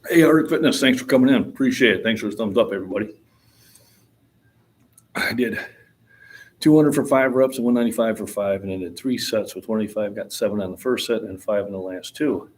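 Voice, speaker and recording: A man's voice: lowish voice, fairly quick. A man in his sixties talking casually in a gym about his lifting, plainspoken and rambling. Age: 60s. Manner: plainspoken, rambling, chuckles easily. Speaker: fitness vlogger. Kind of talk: casual gym vlog talk.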